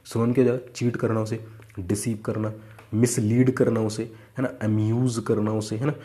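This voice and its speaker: A man's voice: on the low side, little pitch movement, moderate pace, warm tone. A young adult man teaching exam vocabulary in a casual, conversational way, often checking in with his students. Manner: conversational, repeats 'है ना' and 'ठीक है'. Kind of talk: casual Hindi lesson.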